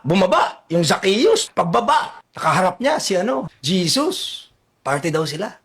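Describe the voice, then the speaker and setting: A man retelling a Bible story as satire, animated and joking, with loud bursts, low mutters and asides. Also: moderate pace. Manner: animated, joking asides, laughs mid-sentence. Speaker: satirical vlogger.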